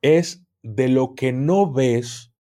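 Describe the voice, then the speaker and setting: A man who hosts an occultism channel appears as a podcast guest in a casual interview chat, speaking reflectively and laughing often. He explains with everyday examples in a mellow, mid-range voice, drawing out his words.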